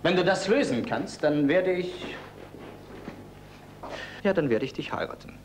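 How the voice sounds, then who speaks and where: A stern, sarcastic king with a rather high, lively voice that barks out orders. The recording is an echoey old film soundtrack with a faint hiss. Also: a little slow. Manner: commanding, sarcastic. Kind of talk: 1970s film acting.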